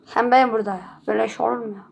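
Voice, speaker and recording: A gravelly-voiced woman streaming her gameplay and talking over it in casual commentary. Her voice sits a little higher than most women's. She gets worked up fast and curses and shouts at the game. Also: faint music behind. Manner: excitable, swears and yells at the game. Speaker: gaming channel host.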